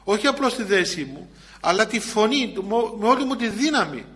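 A male Orthodox priest giving a sermon in a high voice. His tone is bright and ringing. He talks plainly, circling back over the same phrases with small hesitations. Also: lively intonation. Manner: repeats phrases for emphasis, with frequent hesitations and restarts; chants psalm verses in an older liturgical register. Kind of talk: spiritual sermon.

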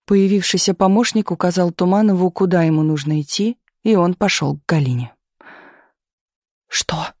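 An audiobook narrator reading a novel in an even, measured storytelling manner. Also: medium pitch, no echo, studio quality. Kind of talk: scripted narration.

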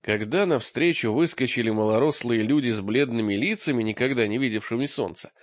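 A man reading an audiobook in expressive scripted narration, recorded with a dull lo-fi sound. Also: medium pitch, brisk, no echo. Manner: lively, expressive storytelling.

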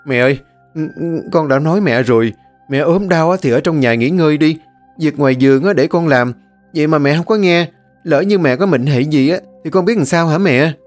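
A devoted young son, pleading and choked up with tears, as a male narrator plays him. His voice is pushed up well above the narrator's own and a little louder, with soft music behind. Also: on the high side, fairly quick, voice pushed up, natural voice. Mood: worried scolding. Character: young adult son, poor, tearful and devoted. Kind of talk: audiobook character reading.

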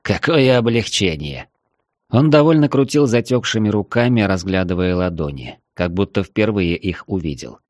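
A male narrator with a fairly low voice reads a novel in a measured, even way. The recording is close and dry, with no room sound. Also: no echo. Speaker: audiobook reader. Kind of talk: audiobook narration.

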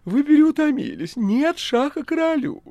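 A man voicing a boastful, scheming male demon cat in a shrill falsetto, with mock-pleading theatrics. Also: big pitch swings, normal speed, warm tone, no echo, full character voice. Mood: mock alarm.

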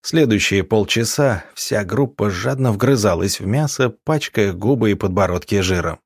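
A man narrating an audiobook in a measured, even way. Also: lowish voice, slightly rough, no echo, clean studio sound.

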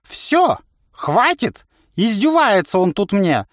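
A cranky old four-armed warrior trainer for an audiobook, barking high and gruff. He scolds and shouts with a wildly swinging voice. The recording is dry and close. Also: sing-song, slow, no echo, full character voice. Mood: grumpy.

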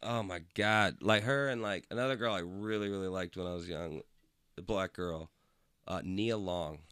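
Laid-back young man podcast host, low voice. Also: moderate pace, fairly bright tone, smooth, no echo, clean studio sound. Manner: laid-back, swears freely, lots of "like" and "dude". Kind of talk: casual chat. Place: indoor room with cameras. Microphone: studio mic.

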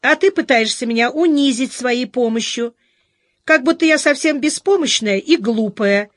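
A woman's voice: high-pitched, moderate pace, dry recording, clean studio sound, close to an everyday voice. A woman voicing a young wife who is hurt but joking playfully with her husband, in an audiobook. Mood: teasing. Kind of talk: audiobook character reading.

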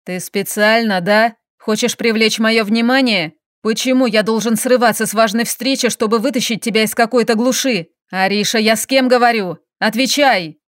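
A woman's voice: mid-range voice, steady tone, normal speed, few pauses, no echo, clean studio sound, lightly acted. A woman reading the part of an angry, domineering husband who barks and scolds, in a storybook reading. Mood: scolding. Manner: barking, gruff, scolding.

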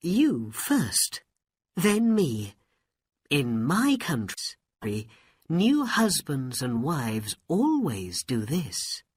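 Clever, sweet young princess, as a male reader puts her on, bouncing pitch. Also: huge pitch swings, extremely slow, breathy edge, no echo, clean studio sound, heavily acted.

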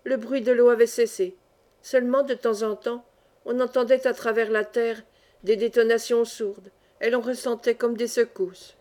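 A woman narrating a classic novel as an audiobook reader, in measured storytelling. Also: on the high side, flat delivery, a little mellow. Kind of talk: reading a classic novel aloud.

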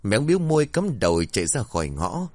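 A man reads a ghost story aloud with an expressive, dramatic delivery. His voice is low-pitched and swings widely in tone. The recording is dry and close with no room sound. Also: fairly quick, no room sound.

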